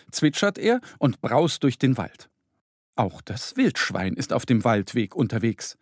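Lively slightly husky male storyteller. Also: on the high side, no echo, clean studio sound. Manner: lively, expressive reading. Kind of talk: scripted children's story narration.

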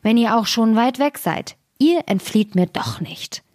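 A woman voicing a spiteful old witch who calls out in a raised, drawn-out voice in a fairy-tale reading. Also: a little high, animated, a little mellow, voice pushed up. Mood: threatening.

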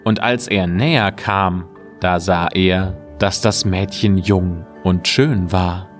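Male storyteller, deep-ish and unhurried, reading a fairy tale over faint music. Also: steady tone. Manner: slow, measured storytelling. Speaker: narrator.

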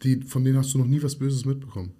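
A man's voice: mid-range voice, fairly even intonation, rapid-fire, dark tone. A man co-hosting a podcast, talking in a casual, reflective way and often agreeing.

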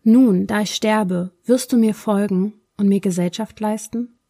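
A woman voicing a dying, lonely old king in a spoken storybook tale, pleading softly in her warm, breathy voice. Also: high voice, fairly even intonation, a little slow, heavily acted.

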